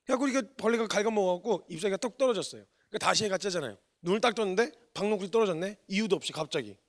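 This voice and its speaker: Give me a high-voiced male preacher telling a story in a sermon, colloquial and very animated. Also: rapid-fire. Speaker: missionary preacher.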